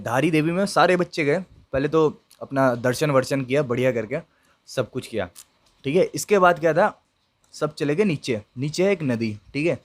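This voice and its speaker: Young man casually telling a ghost story. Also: medium pitch. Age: young adult. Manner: chatty, addresses viewers, frequent filler checks. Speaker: YouTube storyteller. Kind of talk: casual first-person ghost story narration.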